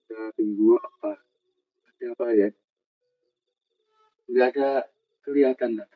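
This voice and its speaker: A man, filming himself camping alone outdoors at night, narrating in a tense hush and muttering prayers. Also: mid-range voice, steady tone, a little slow, dry recording, phone-quality sound. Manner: tense, repeats short urgent calls to listen; muttering prayers under breath. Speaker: solo camping vlogger. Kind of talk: hushed on-the-spot night vlog narration.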